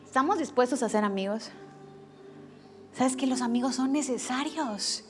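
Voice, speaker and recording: A woman preaches with a high, bright voice. She tells her story in an animated way and acts out the quoted lines. Soft music plays faintly behind her. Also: moderate pace. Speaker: pastor. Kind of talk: sermon.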